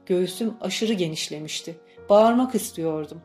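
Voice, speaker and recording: Woman narrator, audiobook, calm measured storytelling, mellow, lowish voice, faint music behind. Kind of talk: scripted narration.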